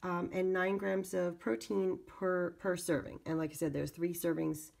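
A woman talks casually through an unboxing in a low, raspy voice with heavy vocal fry. She sounds stuffed up with a cold and moves haltingly between reading and commenting. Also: little pitch movement, a little mellow. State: congested from a lingering cold. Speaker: video channel host. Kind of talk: casual product unboxing narration.

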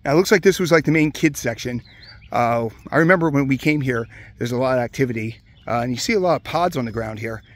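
A man's voice: mid-range voice, quick pace. Chatty man filming outdoors at a park. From Pennsylvania, Hershey area. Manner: relaxed, chatty, many "uh" fillers. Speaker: vlogger exploring a closed amusement park. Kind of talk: casual walk-around commentary.

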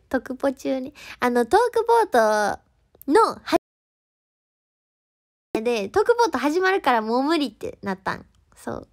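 A woman's voice: high voice, sing-song, unhurried, pauses often. A young woman with a Kansai accent chatting casually on a solo livestream, playful and giggly, referring to herself by her own name. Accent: Kansai Japanese.

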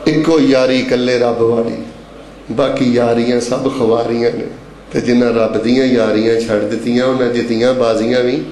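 A man's voice: mid-range voice, level tone, normal speed, a little mellow, roomy sound, slight background noise. A man preaching a Friday sermon, calling on the congregation to repeat after him and chanting verses in a sweeping, rising and falling voice.

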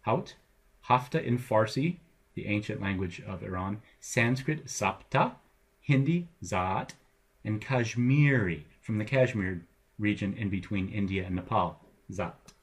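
Guy teaching a video lesson, husky, jokey, lively with the word lists. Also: fairly low pitch, a little slow. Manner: playful, lively, animated delivery of word lists. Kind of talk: recorded video lecture.

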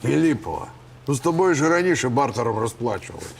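An actor playing a gruff, corrupt police officer who gives orders and makes threats. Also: male voice, medium pitch, expressive, fast talker, loud music behind the voice. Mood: commanding. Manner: commanding, threatening.

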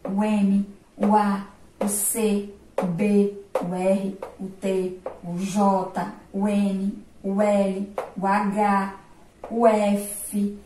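Slow, patient woman teacher in an echoey room. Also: medium pitch, warm tone, recorded from a distance, slight background noise. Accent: Sergipe Brazilian Portuguese. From Brazil. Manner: slow, patient, praises imagined answers, stretches syllables. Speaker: primary school teacher. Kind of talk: remote literacy lesson for young children.

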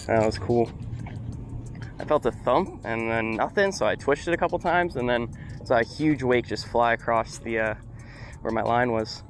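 A man's voice: medium pitch, moderate pace, faint music behind. A young man vlogging from a small boat, chatting casually and thinking aloud while he fishes, recorded on a boat-mounted action camera. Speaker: fishing vlogger. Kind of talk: casual outdoor commentary. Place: small boat on open water outdoors.

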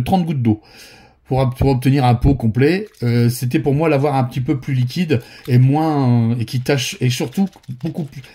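A man with a northern French Ch'ti accent talks viewers through a miniature painting tutorial. He rambles and restarts often but stays friendly and direct. His voice is mellow and a little husky. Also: medium pitch. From northern France. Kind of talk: casual spoken painting tutorial.

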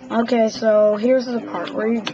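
A woman's voice: a little high, flat delivery, normal speed, creaky. A young woman giving rambling, casual commentary while playing a video game, wandering into chatty asides. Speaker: gamer. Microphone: camera filming a TV screen. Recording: dull lo-fi home video with game music. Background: game music.

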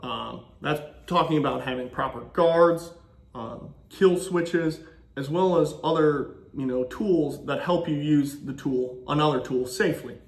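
Hosting a woodworking channel, a man in his thirties gives practical shop tips in a casual how-to style, adding joking asides. His voice is fairly high and measured, recorded indoors in his home shop on a camera-mounted mic at arm's length and from a tripod, with the room sounding echoey.

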